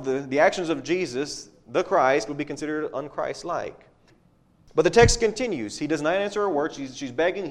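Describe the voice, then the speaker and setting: Preacher man asking rhetorical questions. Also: on the high side. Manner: rhetorical questions, repeats words; reads scripture aloud. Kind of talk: sermon.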